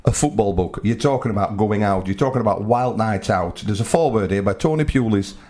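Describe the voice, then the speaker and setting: A man's voice: fairly low pitch, fairly quick, darkish tone. A man co-hosting a podcast, asking playful what-if questions in casual chat. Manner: asks playful hypothetical questions. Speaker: podcast co-host.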